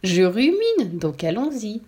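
A woman voicing Sophie, a young female cow who loves to sing, eager and quick to take offence. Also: medium pitch, wildly swooping pitch. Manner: bright, determined, quick to indignation.

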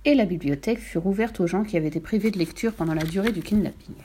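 A woman reading a children's story aloud in a calm, measured way. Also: medium pitch.

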